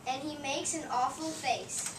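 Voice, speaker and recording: A woman reads the stage directions of a play in a plain, steady way. Her high voice sounds distant in an echoey room, with noise behind it. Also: a little slow. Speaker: narrator.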